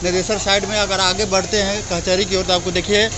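A man's voice: high voice, flat delivery, brisk. A man hosting a casual vlog, chatty and repetitive as he talks straight to viewers while walking an outdoor car market on a handheld phone camera. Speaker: vlogger host. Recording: street traffic noise.

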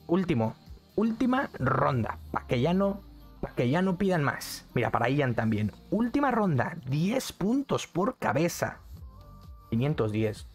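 A young man with a fairly high, very animated voice chats casually at a measured pace on a live stream from his neon-lit bedroom, with faint music in the background. He repeats phrases and reads the chat aloud, using a studio mic on an arm and a headset.

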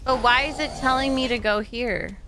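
A woman's voice: fairly high pitch, steady tone, moderate pace, noisy background. A young woman giving casual game playthrough commentary into a close desk microphone at home. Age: young adult. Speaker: game streamer. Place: small home room, indoors. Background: game ambience.

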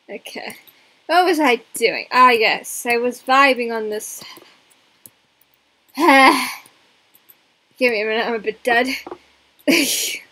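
Slow-talking, chatty young woman streamer. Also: high voice, a bit bright, rough recording. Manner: chatty, rambling, self-mocking. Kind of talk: casual live-stream chat while gaming.

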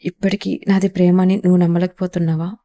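A woman's voice: on the low side, flat delivery, quick pace, warm tone, natural voice. A woman voicing a wounded, obsessive young mafia don who speaks tenderly and pleadingly to the woman he loves.

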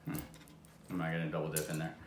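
A man's voice: very deep voice, flat delivery, quick pace. Rambling man in an echoey room. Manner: rambling, restarts sentences, talks with mouth full. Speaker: vlog co-host. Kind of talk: casual taste-test chat. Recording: echoey room with faint noise.

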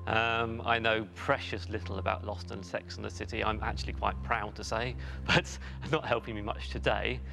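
A man in his forties, a quiz contestant in a TV studio, reasoning out loud with hesitant fillers. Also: lowish voice, flat delivery, moderate pace, gravelly, hardly any pauses, noisy background. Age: 40s. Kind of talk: thinking aloud on a quiz show. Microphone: lapel mic.

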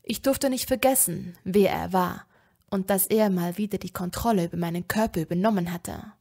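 A woman narrating a fan fiction story in the first person, dropping to a hushed whisper at tense moments. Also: fairly low pitch, normal speed. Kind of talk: dramatic audiobook reading of fan fiction.

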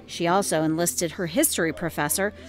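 A woman reporter giving scripted news narration in a measured, clear way. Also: on the low side, over music.

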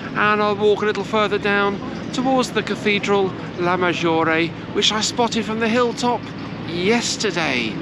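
A middle-aged woman presents a walking-tour travel vlog outdoors in sunny city squares and streets, holding the camera at arm's length. Her voice is medium-pitched and measured with hardly any pauses, though her chatty, meandering talk has frequent hesitations. Street noise and traffic fill the background.

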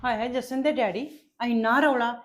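An actress playing a scheming, sharp-tongued sister-in-law who accuses and taunts the family. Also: female voice, a little high, normal speed, close to an everyday voice. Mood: alarmed. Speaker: actor in a family web drama.

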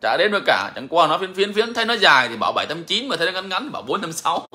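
Man, fairly high pitch, forceful tone, emphatic, repeats himself, casual live Q&A. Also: sing-song, rapid-fire. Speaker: songbird breeder answering viewers.

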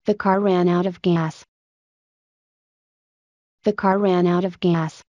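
A woman's voice: on the low side, fairly even intonation, takes it slowly, darkish tone, no room sound, muffled recording. A woman reading short English practice sentences aloud, each one repeated in a plain, evenly paced model delivery. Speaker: English phrase reader. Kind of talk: slow repeated phrase drills.

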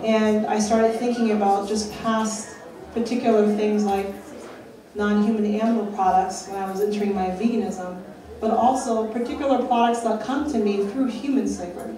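Speaking from a dark indoor stage at a festival, a young keynote speaker gives a public lecture in an earnest, questioning way, building her arguments with mounting emphasis. Her medium-pitched voice is dark and steady, at an ordinary speed. She uses a handheld mic on a stand, recorded by a far-off camera in a roomy hall with an audience present.

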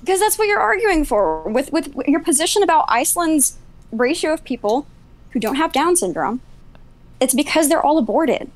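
A nineteen-year-old woman with a high, expressive voice speaks at a moderate pace as a guest in a heated debate. She is insistent, pressing pointed questions again and again.

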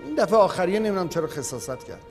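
An actor playing a bossy company owner in a TV series, who argues and shouts angrily. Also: male voice, high voice, sing-song, big-room sound, faint music behind. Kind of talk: TV series acting.

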